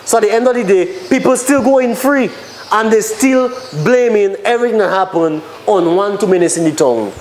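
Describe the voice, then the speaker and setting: A man's voice: sits high, moderate pace, a little mellow, a little hiss or hum, poor audio. A man with a Dominican accent leading a panel discussion, earnest and stumbling over words as he makes his points. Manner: earnest, restarts often. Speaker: panel moderator.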